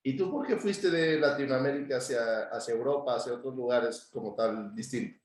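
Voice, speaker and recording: A male podcast host asking casual questions and hesitating now and then. His voice is mid-pitched and rings out strongly in a very echoey room. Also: brisk. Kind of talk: podcast interview.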